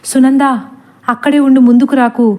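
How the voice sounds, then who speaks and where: A woman's voice: sits high, level tone, moderate pace, dark tone, natural voice. A woman voicing a protective male head of a household in a storybook horror tale, giving urgent commands.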